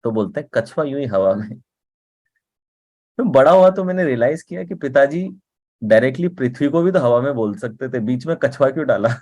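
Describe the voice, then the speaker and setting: A man's voice: medium pitch, lively intonation, fast, a little mellow. A man giving a motivational talk in a conversational way, often checking in with the listener and repeating words for emphasis. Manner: conversational, often asks "ठीक है?" and "right?".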